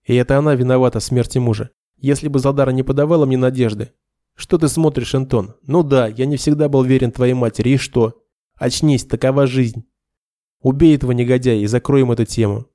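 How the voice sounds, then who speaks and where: A man's voice: medium pitch, steady tone, brisk, warm tone, dry recording, studio quality, natural voice. A man doing a spiteful old major. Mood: hateful. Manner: snarling, contemptuous. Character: vicious aging noble retired major.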